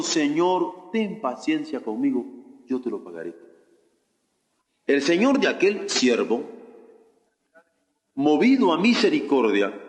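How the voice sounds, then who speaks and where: A man preaching a sermon as pastor, lively and dramatic, acting out the voices of people in a parable. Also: on the high side. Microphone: 1980s sermon recording. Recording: echoey church hall, long reverb.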